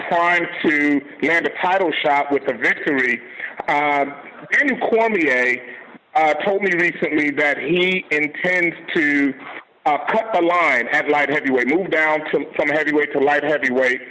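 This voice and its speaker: A man, a reporter asking questions over a phone line in halting, hesitant phrases. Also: a little high, sharp tone. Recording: muffled phone line with faint noise.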